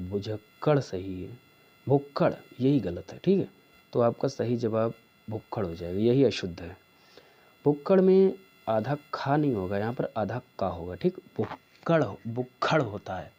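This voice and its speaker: A man teaching a spelling lesson for exam preparation, going slowly through each answer and checking in with "theek hai". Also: fairly low pitch, expressive, dark tone, dull audio. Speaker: Hindi teacher.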